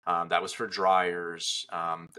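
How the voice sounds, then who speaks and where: Male host, low voice with a bright edge, rambling and animated. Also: slow pace. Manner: animated, filler-heavy storytelling. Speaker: podcast host, equipment seller. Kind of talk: casual business chat.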